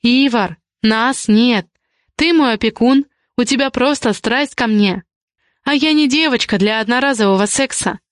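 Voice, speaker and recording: A woman reading the lines of a defiant young woman, an indignant ward who argues with rapid questions. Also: a little high, fairly bright tone, no room sound, clean studio sound, close to an everyday voice. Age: young adult.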